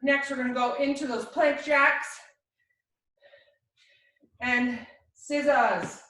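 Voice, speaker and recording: A woman's voice: high-pitched, fairly even intonation, slow pace, sharp tone. A woman fitness instructor coaching a live workout in short, encouraging cues and countdowns. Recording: very echoey room, distant mic.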